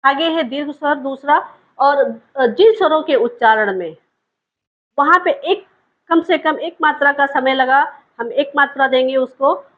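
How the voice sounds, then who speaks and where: High pitched woman teacher repeating points, stretching out vowels, kinda muffled audio. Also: a little slow. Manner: asks questions and answers them herself, repeats key points; drags out vowel sounds to demonstrate. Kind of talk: Hindi grammar lesson.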